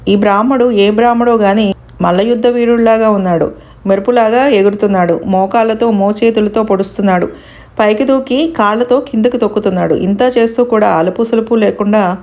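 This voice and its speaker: Female storyteller, devotional podcast, even expressive read. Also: medium pitch.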